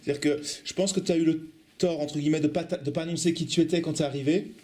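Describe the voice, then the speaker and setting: A man's voice: a little high, steady tone, quick pace, a little mellow. A man coaching improv actors, giving notes with lots of hesitations. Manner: hesitant, many fillers, friendly correcting. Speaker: theatre teacher.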